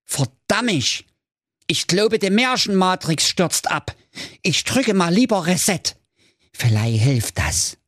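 A man's voice: fairly high pitch, sing-song, a little slow, no room sound, pitched above the performer's own voice. A panicky, foul-mouthed fairy-tale brother rants in broad Saxon, as a man plays him. The voice is pushed well up into a squawking register and leaps around wildly. It is a dry, close comic audio-story read. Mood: panicked. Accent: Saxon German. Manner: yelling, frantic.

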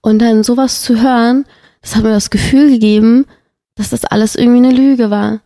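A woman's voice: a little high, moderate pace. A young adult woman, a podcast guest, telling a painful personal story with feeling in a casual chat. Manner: emotional, animated storytelling.

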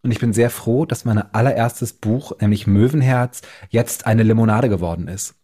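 Man, from Northern Germany, podcast co-host, jokey banter, middle pitch. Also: moderate pace, mellow, husky. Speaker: podcast co-host, copywriter and author. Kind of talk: casual podcast chat.

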